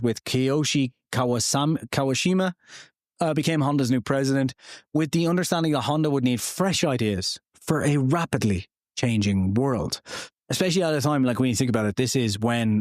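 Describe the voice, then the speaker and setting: A podcast host in his thirties tells history casually and ramblingly, with lots of fillers and personal asides. His mid-range voice has a darkish tone, recorded dry in a clean studio.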